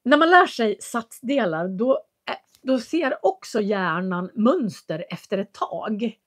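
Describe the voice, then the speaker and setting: A woman's voice: mid-range voice, expressive. Woman, live language teacher, articulates every word, patient explainer. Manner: clear, carefully articulated speech. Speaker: Swedish teacher. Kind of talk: live language lesson answering chat.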